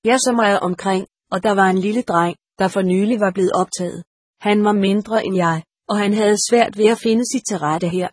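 Breathy woman narrating an audiobook. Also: medium pitch, no echo, studio quality. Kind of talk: first-person audiobook narration.

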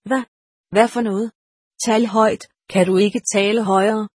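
A woman's voice: medium pitch, steady tone, darkish tone, slightly rough, no echo, clean studio sound, natural voice. A woman voicing a pompous, irritable old male monastery steward who scolds and grunts to himself, in an audiobook. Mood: scolding. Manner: blustering, scolding, grunts "hmmm". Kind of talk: audiobook character voice.

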